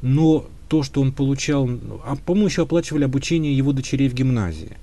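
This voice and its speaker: A man's voice: mid-range voice, fast, mellow. A man being interviewed as a history expert, answering at length in a thoughtful, hedging way with frequent filler sounds. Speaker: historian guest.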